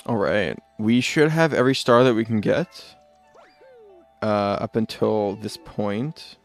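During a live gameplay stream, a man rambles in casual chat, frequently muttering to himself and correcting what he said. He speaks slowly in a fairly low voice over soft background music.

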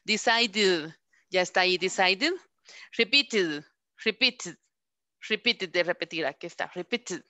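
Her voice sits fairly low yet stays bright and clear as she teaches an online class. She repeats each English verb slowly and patiently so learners can work on pronunciation, and the close, dry recording carries no echo.

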